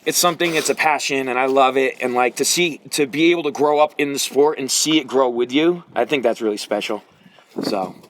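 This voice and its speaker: A man's voice: medium pitch, a little fast, fairly bright tone. An American man in his forties talking casually and emphatically as a coach answering interview questions, in colloquial phrasing. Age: 40s. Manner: colloquial, emphatic, peppered with "you know". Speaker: jiu-jitsu coach and competitor. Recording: noisy recording with clicks.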